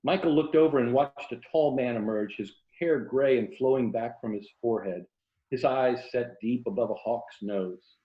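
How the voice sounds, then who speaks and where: A writer from Tampa, Florida, interviewed on an indoor video call, speaks at medium pitch and a moderate pace. The American man comes across as wry and self-deprecating, talking casually and then reading aloud from his own novel, with roomy, muffled audio.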